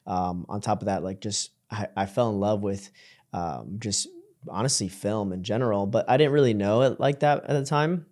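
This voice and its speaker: A young man from Colombia, a podcast guest telling his story in casual chat, relaxed and full of fillers and restarts. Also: fairly low pitch. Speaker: podcast guest, creative entrepreneur.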